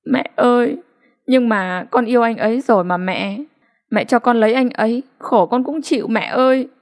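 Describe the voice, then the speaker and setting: A woman's voice: fairly even intonation, brisk, dry recording, clean studio sound, close to an everyday voice. Woman voicing a tearful pleading young woman. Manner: pleading, high and strained. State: crying. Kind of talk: audiobook character reading.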